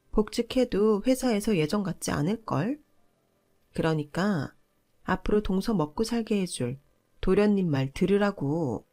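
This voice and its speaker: A woman's voice: mid-range voice, close to an everyday voice. A woman voicing a pushy, scolding older sister-in-law who talks down to her. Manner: scolding, bossy, loud.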